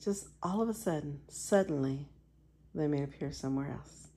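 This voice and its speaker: A woman's voice: low-pitched, moderate pace, warm tone, slightly rough. A middle-aged woman, chatting affectionately through a shopping haul as a vlog host and laughing often. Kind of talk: casual shopping haul chat.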